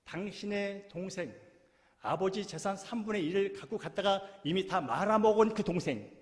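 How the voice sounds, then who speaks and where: Man doing a household servant, urgent, emphatic, high voice, long church reverb. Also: moderate pace, close to an everyday voice. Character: household servant reporting news.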